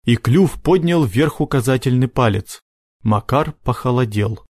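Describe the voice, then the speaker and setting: A man narrating an audiobook with steady, even storytelling. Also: medium pitch, a little slow.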